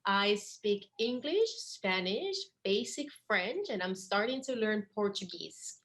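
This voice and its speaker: A woman's voice: mid-range voice, animated, slow, a bit bright. A young woman from Rico, speaking as an interview guest in a casual, enthusiastic way, often repeating words as she starts a thought. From Puerto Rico. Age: young adult. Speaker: guest, financial educator. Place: at home.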